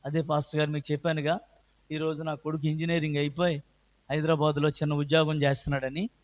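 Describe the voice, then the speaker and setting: A middle-aged man giving an earnest personal testimony at church, his voice swelling loud and high at moving moments. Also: flat delivery, fast. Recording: echoey hall with long reverb.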